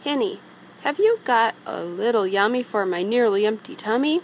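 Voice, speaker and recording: A woman's voice: a little high, animated, normal speed, a little hiss or hum. A woman voicing a small, cheeky, hungry male gnome from a storybook, with a sing-song coaxing manner.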